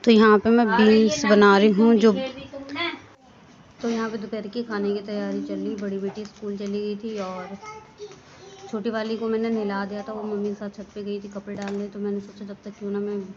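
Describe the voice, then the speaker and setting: A woman's voice: medium pitch, completely flat delivery, normal speed, highs cut off, a crowd in the background. A woman narrating her daily home vlog in a homely, talkative, rambling way. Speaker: daily vlogger. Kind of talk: casual chatty vlog narration. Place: family home.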